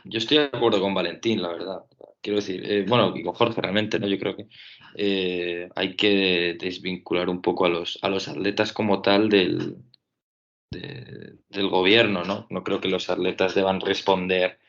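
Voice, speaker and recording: Man from Spain, very deep and gravelly, a chatty podcaster who is muffled and lo-fi. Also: level tone, normal speed, a bit bright. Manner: thinking aloud, many fillers and tag questions. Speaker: podcaster and panelist. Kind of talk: casual debate talk. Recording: dull lo-fi audio.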